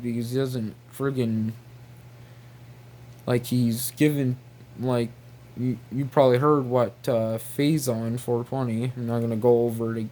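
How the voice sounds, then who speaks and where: A video creator from New Brunswick, Canada, rambles casually to viewers in a medium-pitched, slightly mellow voice. Exasperated and incredulous, he repeats himself and peppers his talk with mild slang swearing.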